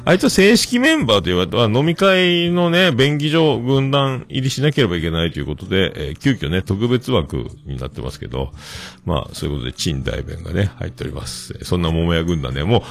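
A man in his forties hosting a casual solo podcast, rambling and self-deprecating, with many drawn-out fillers. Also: on the low side, gravelly. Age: 40s. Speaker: podcast host.

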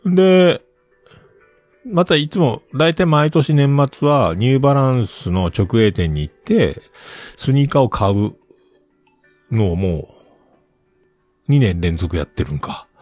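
A man's voice: mid-range voice, lively intonation, slow pace, pauses often, a little mellow, no echo, soft background music. A middle-aged man casually rambling through a personal story, acting out the bits he quotes. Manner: chatty storyteller who acts out quoted bits.

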